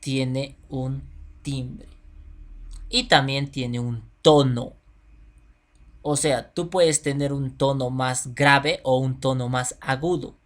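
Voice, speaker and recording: In a video lesson for children, a man with a mid-range, slightly bright voice speaks directly to the pupil. He relies on simple everyday examples and often checks that they are following, frequently asking "ya?".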